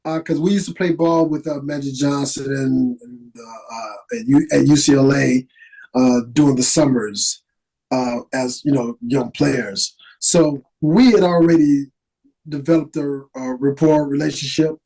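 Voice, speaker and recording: A middle-aged man, an actor, telling stories in an animated, casual way as a podcast guest. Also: medium pitch, moderate pace, gravelly, poor audio. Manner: animated, lively storyteller with restarts. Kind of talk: casual interview storytelling.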